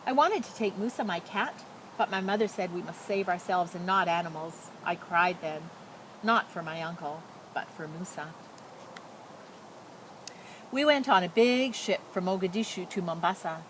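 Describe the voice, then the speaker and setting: Reading a picture book aloud, a woman with a fairly low voice lightly acts the part of a sad young refugee schoolboy. At normal speed, she recounts his story plainly, earnestly and sombrely. Noticeable background noise runs through the recording.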